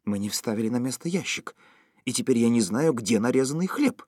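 A man's voice: mid-range voice, animated, a little fast, a little mellow, no echo, studio quality, pitched above the performer's own voice, natural voice. A man doing a baffled young husband.

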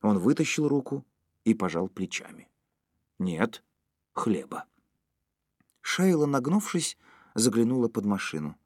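A man's voice: lowish voice, very animated, unhurried, long pauses, darkish tone, dry recording, studio quality. A man reading a story aloud as an audiobook narrator, telling it expressively.

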